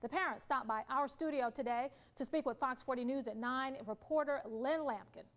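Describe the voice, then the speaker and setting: A woman anchoring a local evening newscast with smooth scripted delivery. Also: sits high, normal speed, a bit bright. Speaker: news anchor.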